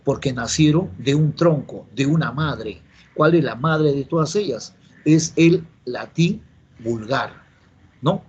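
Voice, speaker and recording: With a slightly high, husky, somewhat mellow voice, a Peruvian man lectures slowly, his intonation lively. He answers his own questions and repeats key words for the class. The classroom audio is dull and lo-fi, carrying faint noise.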